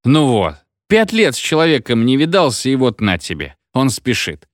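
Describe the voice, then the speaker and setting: A man doing a loud, rowdy drunk station chief. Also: medium pitch, big pitch swings, no room sound, clean studio sound, voice pushed up, lightly acted. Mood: boisterous. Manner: bellowing, boisterous, quick to take offence. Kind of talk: audiobook character voice.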